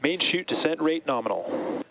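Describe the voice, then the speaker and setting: A man's voice: on the high side, expressive, moderate pace, gravelly, noisy background. A man working as a mission control communicator, giving terse, clipped procedural callouts over a space radio link with beeps. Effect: space radio transmission with beeps. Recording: muffled radio feed.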